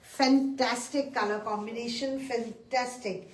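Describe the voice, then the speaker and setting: Slow, enthusiastic woman selling sarees. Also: fairly high pitch, steady tone, far from the mic. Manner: enthusiastic, mixes English and Hindi, repeats key points. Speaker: saree seller on a live stream. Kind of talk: live sales presentation. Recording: echoey room, voice from off-mic, faint room noise.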